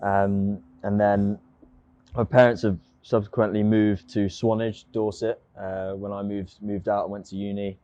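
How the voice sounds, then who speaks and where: A young rugby player from near London, with a southern English accent, is a guest in a casual chat, joking at his own expense, saying "um" a lot and restarting sentences. His lowish, dark voice is flat and a little slow, recorded muffled with no room sound.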